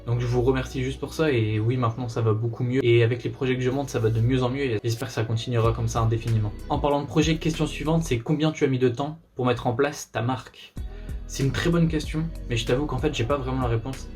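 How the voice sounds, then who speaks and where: A young man with a light northern French accent talks quickly and casually, answering fan questions in a relaxed, slangy vlog style. His voice sits at a middle pitch, with faint music playing behind him. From northern France. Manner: chatty, slangy, laid-back. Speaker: YouTuber.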